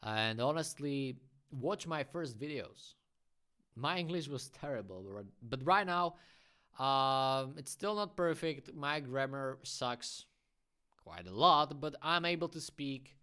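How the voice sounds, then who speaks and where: A man with a medium-pitched, expressive voice speaks slowly, his tone bright, forceful and clean. English is his second language, and he's a graffiti artist hosting a casual livestream Q&A. He's chatty and frank, sharing his opinions with friendly asides.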